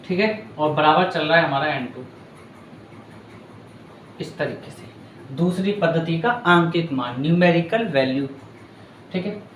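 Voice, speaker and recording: A man's voice: on the high side, measured pace, pauses often, reverberant, slight background noise, poor audio. A man teaching a physics numerical at a board, patiently talking students through each step in a chatty, reassuring way. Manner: patient, chatty, addresses students as bhaiya and beta. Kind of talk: board lesson explaining a numerical.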